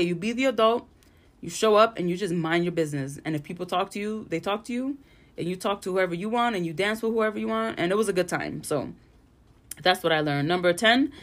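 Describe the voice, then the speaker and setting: A woman's voice: medium pitch, a bit bright. A young adult woman hosting a casual solo podcast from home. She talks frankly and chattily and swears freely. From Puerto Rican family. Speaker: podcast host. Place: bedroom vanity at home.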